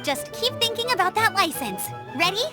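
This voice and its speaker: An actress voices a cheerful young female outrider and gliding instructor, speaking at normal speed in a very high, very animated voice. She comes across upbeat, encouraging and a little flustered. Game music plays behind her.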